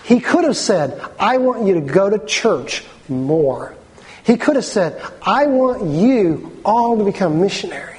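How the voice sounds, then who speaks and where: A high-pitched male preacher gives a friendly, interactive sermon. He keeps checking in with his listeners and has them say lines back to him. On key phrases he drops to a slow, deliberate delivery. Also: very animated, darkish tone, rough recording. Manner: engaging, asks the congregation to repeat lines; slows down to stress key phrases. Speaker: pastor.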